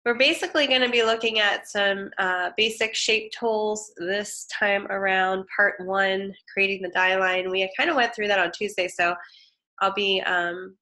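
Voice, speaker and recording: Medium-pitched and sharp, with a steady tone and measured pace, a woman design instructor teaches a live online lecture with a screen demo. A head cold makes her nasal and sniffly; she chats casually, using many fillers and correcting herself as she goes.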